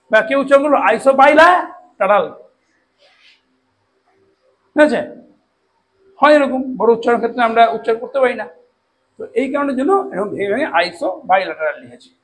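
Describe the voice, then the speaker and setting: A man teaching a classroom biology lesson, slowly spelling out long terms and often checking that students follow. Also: high-pitched, fairly bright tone, a little hiss or hum, rough recording. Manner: slow deliberate spelling out of terms, frequent check-ins. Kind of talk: classroom lecture.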